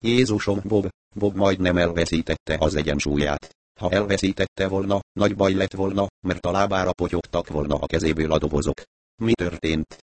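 A man narrating a story as an audiobook reader, in a measured, even manner. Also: low-pitched, dry recording. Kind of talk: audiobook reading.

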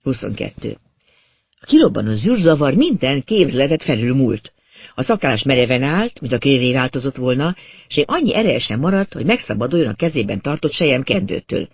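A man narrating a story aloud in an expressive, wry storytelling manner. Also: medium pitch, husky, no echo, clean studio sound. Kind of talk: audiobook reading of a crime novel.

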